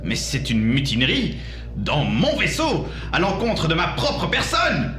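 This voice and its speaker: A man's voice: a little high, huge pitch swings, a little slow, a bit bright, soft background music, exaggerated voice. A man playing an irate, stubborn spaceship captain in a comic audio drama, stern and barking like a drill sergeant. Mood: indignant, stern.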